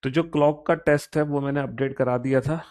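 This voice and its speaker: A man's voice: mid-range voice, fairly even intonation, brisk, a little mellow. A man with an Indian accent teaching a live online reasoning class, chatty and playful, joking with students between explanations.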